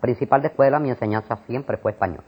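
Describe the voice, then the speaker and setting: An older man with a Puerto Rican Spanish accent, a retired school principal answering interview questions in a discursive way, repeating words and filling pauses. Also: mid-range voice, husky. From Puerto Rico. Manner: animated and discursive, repeats words, frequent fillers. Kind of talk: casual conversation. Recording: muffled lo-fi recording.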